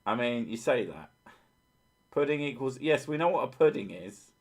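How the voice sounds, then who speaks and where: A man's voice: medium pitch, animated, moderate pace, creaky. A British man who sometimes drops his T's into glottal stops, chatting casually with sweary, sardonic banter. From Britain. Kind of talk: casual joking chat.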